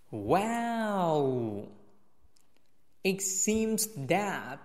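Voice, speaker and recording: A male teacher giving a spoken English lesson, slowly modelling phrases and then explaining them in quick asides. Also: on the high side, long reverb tail.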